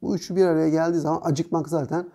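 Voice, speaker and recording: Mellow-voiced man explaining calmly. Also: on the high side, very fast. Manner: steady, methodical explaining. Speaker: guest nutrition expert. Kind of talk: explanatory casual chat.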